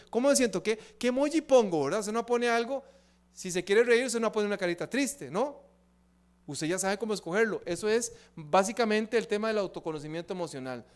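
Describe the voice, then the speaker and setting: A man from Latin America giving a church seminar talk, often asking the audience rhetorical questions. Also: sits high. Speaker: seminar speaker. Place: church hall.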